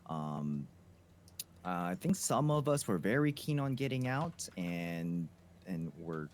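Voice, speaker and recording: A man playing a tabletop game, describing his character in casual chat with lots of ums and pauses. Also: low voice, very animated, slight background noise. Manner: halting, many ums.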